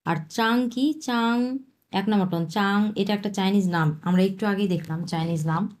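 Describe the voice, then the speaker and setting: A woman teaching a Chinese lesson, patiently repeating words slowly and explaining their tones. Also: mid-range voice, darkish tone. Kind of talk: language lesson explaining vocabulary.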